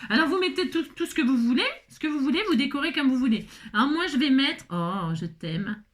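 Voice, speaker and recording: A woman with a fairly high voice talks viewers through a craft project in a loose, chatty way. She keeps tossing in "hein" and joking asides, often poking fun at herself. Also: fast. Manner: chatty, peppers talk with "hein" and playful asides; jokey and self-mocking. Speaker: craft vlogger. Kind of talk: casual crafting tutorial.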